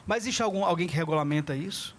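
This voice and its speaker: Quick-talking skeptical podcast host. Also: male voice, on the high side, slight background noise. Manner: probing, skeptical questions. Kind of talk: casual podcast chat, asking questions.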